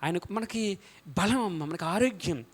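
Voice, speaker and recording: A man's voice: high voice, expressive, unhurried. A man pastor preaching a sermon, leading a responsive scripture reading and asking his listeners questions in repetitive, rhythmic phrases.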